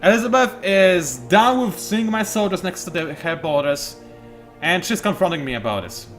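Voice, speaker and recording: Soft music plays behind a man whose voice sits high, with lively intonation, a fairly bright tone and normal speed. As a let's play host, he jokes through a strategy game, chatting, thinking aloud and poking fun at himself.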